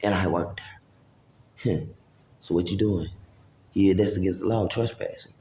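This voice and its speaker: Gravelly deep man telling a rambling story. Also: normal speed, dark tone, echoey room. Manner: rambling, profane street talk with acted-out quotes. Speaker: vlogger. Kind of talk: casual storytelling to camera.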